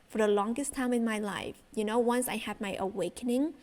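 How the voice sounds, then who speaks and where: A young Vietnamese woman who makes spiritual content chats enthusiastically with her viewers about spirituality, using plenty of fillers. Her voice is fairly high and a little mellow, at a normal speed.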